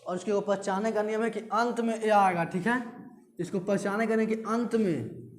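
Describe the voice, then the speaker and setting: A man's voice: sits high, fairly even intonation, normal speed. A man teaching a lecture class, often repeating terms and asking and answering his own questions. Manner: repetitive drilling, asks and answers own questions. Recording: echoey room, faint background hiss.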